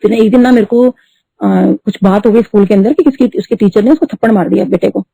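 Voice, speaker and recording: A middle-aged woman telling a devotional story at a satsang, talking fast and mixing in English words. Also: medium pitch, vocal fry, warm tone, breathy edge, no room sound. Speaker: devotee sharing testimony. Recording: dull lo-fi dry recording.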